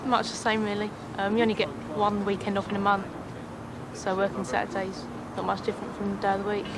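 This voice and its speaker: Fast, monotone policewoman in traffic noise. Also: medium pitch. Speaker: police officer. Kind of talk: casual interview answers. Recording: clear outdoor traffic noise.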